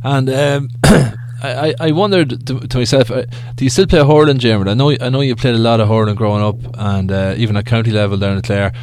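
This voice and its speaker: A man's voice: medium pitch, brisk, a little mellow, slight background noise. A man asking questions as an interviewer in a casual chat.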